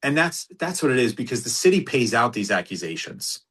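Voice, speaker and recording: Husky man recounting police stories. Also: mid-range voice, sing-song, fairly quick, fairly bright tone. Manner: tells stories with acted-out quoted dialogue. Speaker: former police officer. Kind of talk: casual storytelling interview.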